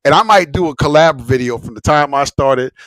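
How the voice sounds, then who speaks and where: A man's voice: medium pitch, a little fast, a bit bright, no room sound. A man hosting a casual livestream chat, rambling and repeating himself with slang and frequent swearing. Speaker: host of a live smoke-session stream.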